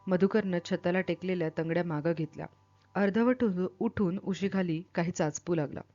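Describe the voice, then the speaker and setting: With a low-leaning voice at a moderate pace, a woman performs a novel passage dramatically and expressively before breaking it down like a literature teacher. The recording has its high frequencies cut off.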